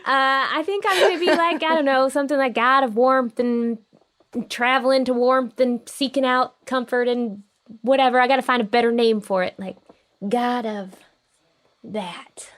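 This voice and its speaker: A woman with a fairly high voice plays her character in a tabletop podcast. She rambles, trails off and laughs often. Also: fairly even intonation, moderate pace, fairly bright tone. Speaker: player. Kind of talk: in-character role-play chat.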